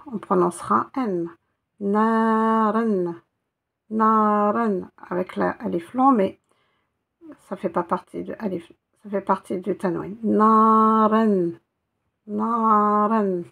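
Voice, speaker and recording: Teaching the Arabic alphabet letter by letter, this woman patiently sounds out and repeats each one in a step-by-step reading lesson. Her medium-pitched voice is creaky with a breathy edge.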